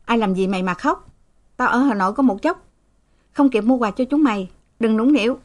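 A woman's voice: on the high side, brisk, a little mellow, voice pushed up, close to an everyday voice. A woman reading a story, voicing an irritable, sleepy father who scolds his children. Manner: scolding, curt.

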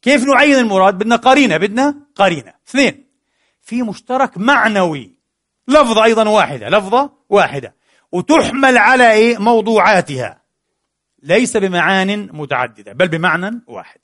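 A man's voice: high voice, expressive, fairly quick, fairly bright tone, no room sound, clean studio sound. A man giving a philosophy lecture, asking questions and answering them himself, mixing formal with colloquial words. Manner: asks and answers his own questions.

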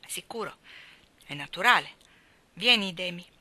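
Woman narrator as a soft-hearted young mother, coaxing, storybook. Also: lowish voice, expressive, a little slow, no echo, exaggerated voice. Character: young gentle mother, tender and lively. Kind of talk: audiobook reading.

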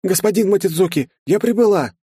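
A brisk, obedient female AI assistant, put on by a male narrator reports in short lines. The voice is lifted high above his deep natural tone. Dry, close sound. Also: lively intonation, mellow, slightly rough, no echo, heavily acted. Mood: dutiful.

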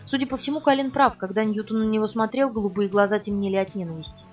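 A woman narrating an audiobook in the first person, in a restrained, quiet way. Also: medium pitch, quick pace. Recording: distant, muffled, soft music.

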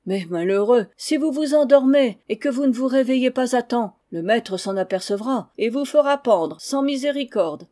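A woman reading aloud and voicing an excited rustic farmhand, speaking in a raised, eager voice. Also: a little high, normal speed, hardly any pauses, voice pushed up, natural voice. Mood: earnest. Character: excited farmhand, grown man, rustic and talkative.

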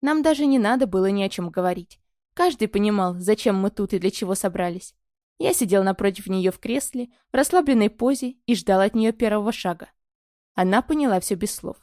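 A woman reading a first-person romance novel aloud in a calm, even storytelling manner on a close mic. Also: medium pitch, fairly quick, dry recording. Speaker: audiobook narrator.

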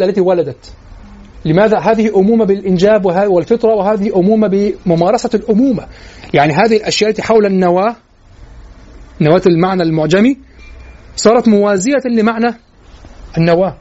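A man's voice: high voice, warm tone. A male teacher giving a classroom lecture on classical poetry. He recites verses and then explains the words, asking his listeners rhetorical questions. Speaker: literature teacher. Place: lecture room in an institute. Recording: dull lo-fi lecture recording.

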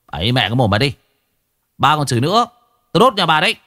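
A man's voice: mid-range voice, very animated, quick pace, bright, forceful tone, voice pushed up. A man voicing a hot-headed young dog thief snapping out threats. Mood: threatening.

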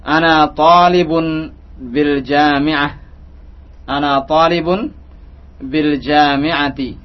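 A man teaching an Arabic grammar lesson who reads practice dialogue slowly and repeats each line. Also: on the high side, steady tone. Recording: dull lo-fi recording.

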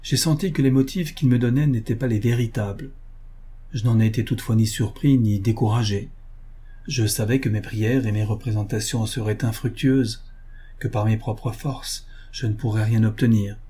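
An earnest, loyal nobleman from a romance audiobook, as the narrator plays him. He speaks with an impassioned, serious drive in a dark, husky voice. The reading stays close to the narrator's own tone. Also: fairly low pitch, fairly even intonation, moderate pace.

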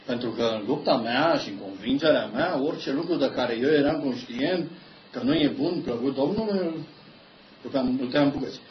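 A man preaching a sermon, telling stories about himself with animated, self-mocking humor. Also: medium pitch, crowd noise. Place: church meeting room. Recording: echoey church hall, dull lo-fi sound.

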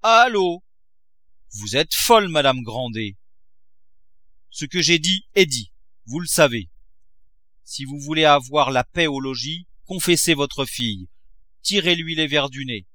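A man voicing a furious, miserly old father who shouts and mocks. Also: fairly high pitch, unhurried, no echo, pitched above the performer's own voice. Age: older. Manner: shouting, explosive, mocking.

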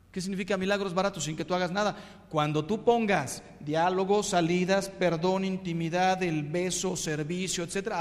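A middle-aged Mexican man, a priest, giving a humorous sermon with lively, punchy storytelling in a hall. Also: sits high. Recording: long hall reverb.

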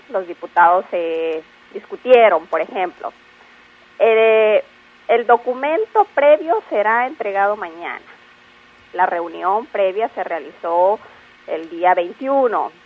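A woman patiently explaining word usage on a radio language segment, spelling out examples slowly. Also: medium pitch. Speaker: language expert guest. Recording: phone-like radio line.

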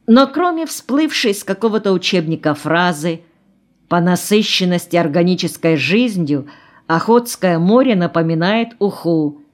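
A woman narrating an audiobook in a calm, measured reading voice. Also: fairly low pitch. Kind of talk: scripted narration.

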